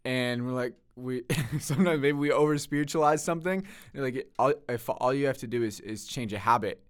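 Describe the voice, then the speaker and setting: A man co-hosting a faith podcast in casual chat, easygoing and quick to laugh, thinking aloud as he speaks. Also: medium pitch, clean tone. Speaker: podcast co-host.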